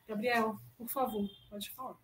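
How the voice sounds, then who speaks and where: A woman moderating an online seminar, talking quickly with some hesitation and inviting the audience to speak. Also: fairly high pitch, fairly even intonation, rough recording. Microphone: video call.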